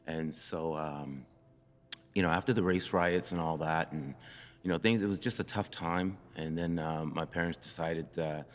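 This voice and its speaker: A man in his sixties telling his own life story slowly and reflectively, with many pauses and fillers. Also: extremely low pitch, steady tone. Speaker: church member sharing his story. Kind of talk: personal storytelling in a conversation. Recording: reverberant room.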